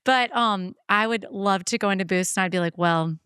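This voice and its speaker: A woman podcast host, born in Beaumont, Texas, and living in Charleston, chats casually and tells stories, often quoting others. Her mid-range voice is fairly bright, clear, and resonant at normal speed, captured in a dry, clean studio recording.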